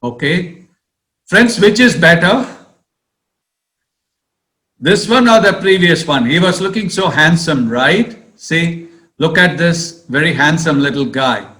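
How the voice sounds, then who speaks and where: A man's voice: fairly high pitch, fairly bright tone. A man, a priest, giving a sermon-style talk and telling stories, often calling his listeners friends. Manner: storytelling, addresses listeners as friends. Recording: roomy echo.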